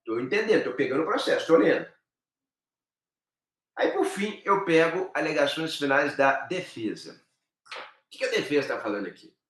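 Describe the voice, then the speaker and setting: A middle-aged Brazilian man teaching a live online law class, lively and addressing his students directly. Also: on the high side, fairly quick. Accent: Brazilian Portuguese. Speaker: law professor. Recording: echoey room.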